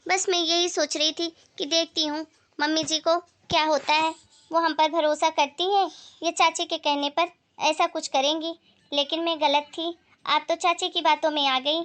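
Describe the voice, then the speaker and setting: A young daughter-in-law from a poor family defends her dignity in a bright, high cartoon voice that holds steady and flat, as a woman voices her. She is earnest and self-respecting. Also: normal speed. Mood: hurt.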